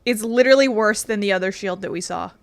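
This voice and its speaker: This gaming video host talks fast in a mid-range voice, cursing freely and irreverently through her let's play, much of it muttered to herself. Faint game music plays behind her, and there's no room sound.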